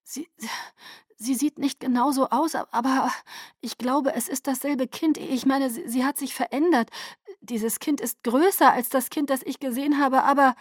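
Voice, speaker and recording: A woman's voice: high-pitched, fairly even intonation, a little slow, dry recording, in a whisper, studio quality, pitched above the performer's own voice. A woman voicing a frightened, confused female vampire who stammers and hesitates. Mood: bewildered. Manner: stammering, unsure.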